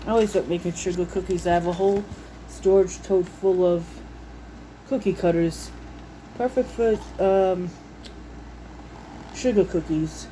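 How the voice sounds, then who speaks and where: The audio is poor, with slight background noise, and the woman's voice is fairly low and dark, unhurried with long pauses. She's a vlogger at home showing a recipe book, chatting unscripted, reading recipes aloud and musing folksily to herself.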